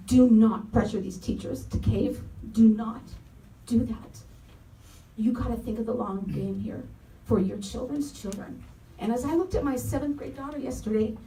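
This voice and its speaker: A woman's voice: fairly high pitch, mellow. A woman in her thirties, a parent and educator, giving an earnest, impassioned public comment at a community forum, repeating her key phrases for emphasis. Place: community meeting room, roomy and echoey. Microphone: handheld microphone, held from some distance. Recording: echoey room, distant mic, faint noise.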